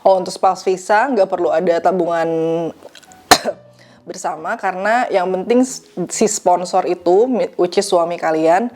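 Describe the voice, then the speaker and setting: Speaking at a measured pace in a lowish, darkish voice, a young woman from Indonesia chats through viewers' questions on her laid-back vlog, dropping English phrases here and there.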